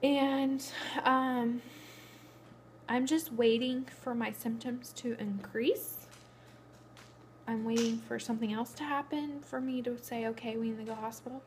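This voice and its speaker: A woman's voice: a little high, steady tone, a little slow, a little hiss or hum. A young pregnant woman, out of breath, rambling through a matter-of-fact casual vlog update. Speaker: vlogger. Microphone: phone camera.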